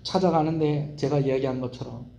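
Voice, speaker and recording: A male pastor preaching a Wednesday evening sermon, lively and often asking the congregation questions. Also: mid-range voice, a little fast, creaky. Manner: animated, asks the congregation questions. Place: church sanctuary. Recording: roomy church hall echo.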